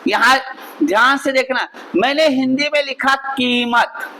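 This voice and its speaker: A man's voice: very high-pitched, measured pace, sharp tone, a little hiss or hum, poor audio. A male teacher, giving a spelling lesson and drilling the class with repeated questions and answers.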